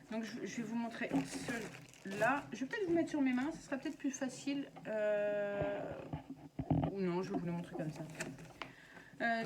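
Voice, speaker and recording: Woman, casual home vlogger, chatty and hesitant, noisy home recording. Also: on the high side. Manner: chatty, many hesitations, talks to viewers. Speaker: craft vlogger. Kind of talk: casual unboxing chat.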